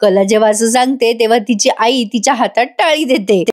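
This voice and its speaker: A woman's voice: fairly high pitch, fairly quick, dry recording, clean studio sound. A woman giving a voice-over recap of a TV serial episode, retelling it in a chatty way and addressing the viewers. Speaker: TV serial reviewer.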